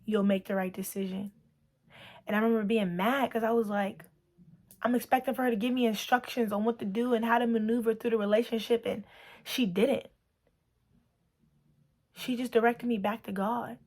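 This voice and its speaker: A woman's voice: fairly high pitch, fairly even intonation, normal speed, long pauses, a little mellow. A woman sharing a personal testimony in a vlog, earnest and emotional, often repeating herself and saying "like".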